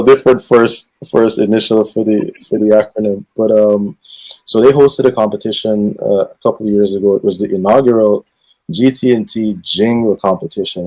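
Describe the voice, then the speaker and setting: This gospel singer from Guyana, a man in his thirties, has a lowish, somewhat dark voice, captured on poor audio. He rambles through casual interview answers about his life, using lots of fillers.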